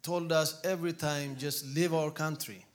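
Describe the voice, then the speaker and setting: A man in his forties gives his testimony in English at a church, in short halting phrases with pauses. His voice sits a little higher than most men's, and he often repeats a word while searching for the next one. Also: steady tone. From Ethiopia. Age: 40s. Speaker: guest speaker.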